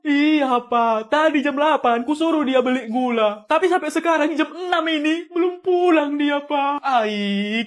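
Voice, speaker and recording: A woman performing a comic sketch, switching between exaggerated, shouty village characters. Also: high-pitched, close to an everyday voice. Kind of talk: comic sketch with many voices.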